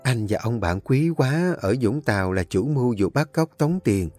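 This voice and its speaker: A man reading the lines of a composed wife, calm and soft as she lays out hard facts. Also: medium pitch, faint music behind, lightly acted. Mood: cool, explaining. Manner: calm, soft, measured explaining.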